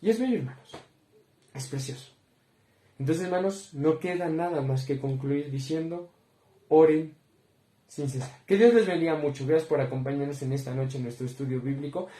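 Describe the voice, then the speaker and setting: A man's voice: a little high, fast, few pauses, mellow. Earnest young man teaching the Bible. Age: young adult. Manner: earnest, repeatedly addresses listeners as brothers. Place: room with bookshelves behind him. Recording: roomy echo.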